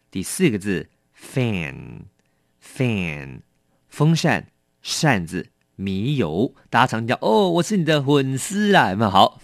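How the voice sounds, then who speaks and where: A man teaching English vocabulary, explaining each word slowly and mixing Chinese with English. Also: lowish voice, no room sound, studio quality. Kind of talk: bilingual vocabulary lesson.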